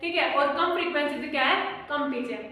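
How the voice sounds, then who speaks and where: A woman teaching a physics class in speech, asking questions and answering them herself, dictating definitions slowly for notes. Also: high voice, bright, forceful tone. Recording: very echoey room, far from mic.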